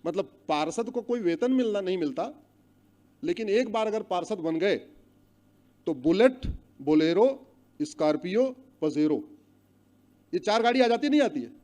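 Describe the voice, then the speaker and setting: High-pitched man rousing a crowd. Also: lively intonation, a little slow, pauses often. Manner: rousing, chants long lists loudly and asks the crowd to repeat. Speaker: public speaker. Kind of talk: public speech to a live audience. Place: hall with an audience.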